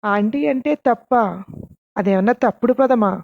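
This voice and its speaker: A woman's voice: on the high side, normal speed, no room sound, lo-fi sound, lightly acted. A woman narrator voicing a proud young man who argues while holding his temper. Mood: restrained irritation. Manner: restrained, arguing.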